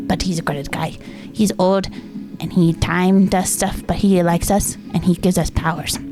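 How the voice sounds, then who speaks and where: A woman voicing a small, childlike, excitable storyteller in a tabletop game, rambling bluntly and getting flustered, with music playing behind. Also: lowish voice, natural voice. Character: Tiku, small, childlike, excitable storyteller who refers to self by name.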